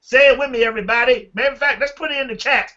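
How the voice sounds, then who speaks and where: A man leading a motivational team training call, energetic and animated, calling on listeners by name. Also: extremely high pitch, very fast, highs cut off. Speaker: team leader.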